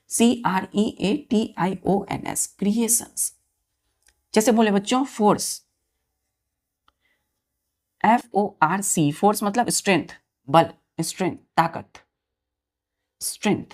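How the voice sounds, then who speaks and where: A woman's voice: medium pitch, takes it slowly, pauses often, a little mellow. A woman teaching an English grammar lesson for exam preparation. She repeats key words, spells them letter by letter, and keeps quizzing her students, whom she calls children. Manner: addresses listeners as children. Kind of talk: online exam-prep lesson.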